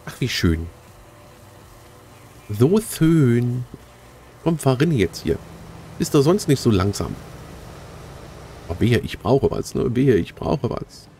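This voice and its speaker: Lively, mellow-voiced German let's play guy. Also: medium pitch, takes it slowly, long pauses, slight background noise. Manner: chatty, talks to viewers, easily excited. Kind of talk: casual gameplay commentary.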